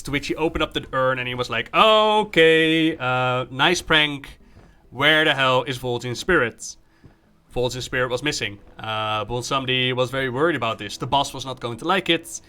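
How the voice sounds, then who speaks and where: A man's voice: medium pitch, brisk, hardly any pauses, bright, forceful tone. A man streaming a game, commenting live, joking, recapping the story and acting out dialogue as he reads.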